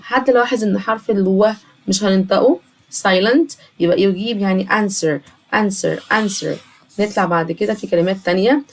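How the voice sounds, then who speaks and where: A woman with an Egyptian Arabic accent, teaching a children's English lesson and slowly repeating each English word. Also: medium pitch. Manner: slow, drawn-out repetition of English words.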